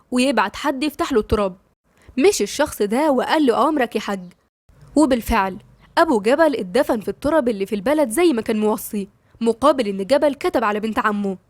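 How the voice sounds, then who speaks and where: Brief: Egyptian woman narrating a novel, rapid and slightly high, dry close sound. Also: darkish tone, no room sound. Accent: Egyptian Arabic. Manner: brisk storytelling. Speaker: storyteller. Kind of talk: novel read-aloud narration.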